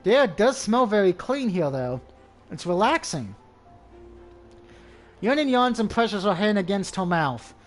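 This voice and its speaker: A man's voice: high-pitched, big pitch swings, a little slow, pauses often, soft background music. A man reading the lines of a proud, self-assured young female knight in a game.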